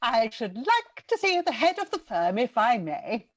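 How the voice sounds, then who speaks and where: Earnest, polite fundraiser lady actress, hesitant and expressive, old radio-drama style, dry recording. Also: fairly high pitch, measured pace, dry recording. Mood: courteous. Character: genteel, polite, flustered charity fundraiser lady. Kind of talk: vintage radio drama acting.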